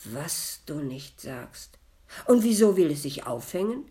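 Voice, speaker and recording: A woman playing a jovial male village butcher who talks loudly and teasingly in a read-aloud story. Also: deep voice, sing-song, unhurried. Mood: mock-amazed. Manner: loud, mock-cheerful, teasing.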